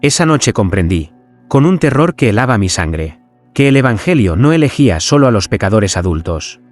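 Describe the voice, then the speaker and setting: A man's voice: fairly low pitch, very animated, moderate pace, faint music behind. A man telling a first-person horror story as a priest, in solemn, dramatic scripted narration.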